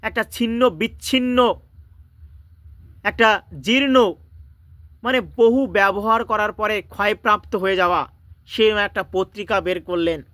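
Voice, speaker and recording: High, bright-voiced male teacher explaining a story. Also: measured pace, long pauses, no echo. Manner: stops often to explain words and restate lines. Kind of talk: reading and explaining a story in a lesson.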